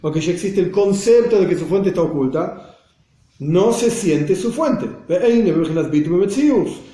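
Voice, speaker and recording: Argentine man, teacher, explains hebrew texts in class, high voice, mellow tone, echoey room. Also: animated, normal speed. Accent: Argentine Spanish. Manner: reads Hebrew phrases then explains them, checks on the students.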